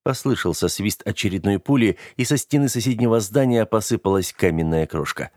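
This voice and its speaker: A man reading a first-person story aloud in a steady, measured way. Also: lowish voice, no room sound, studio quality. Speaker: audiobook narrator. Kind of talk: first-person scripted narration.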